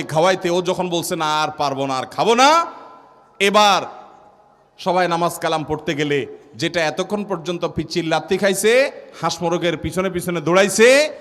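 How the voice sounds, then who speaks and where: Impassioned preacher with colloquial Bangladeshi Bengali. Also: male voice. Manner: storytelling with repeated rhetorical questions; swings between soft, low lines and loud, raised outbursts. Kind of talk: sermon. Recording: long hall reverb.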